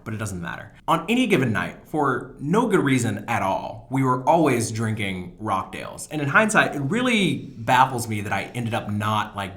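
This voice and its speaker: A man's voice: medium pitch, fairly bright tone. A man in his twenties hosting a podcast, telling stories in a rambling, self-mocking casual chat. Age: 20s. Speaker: podcast host.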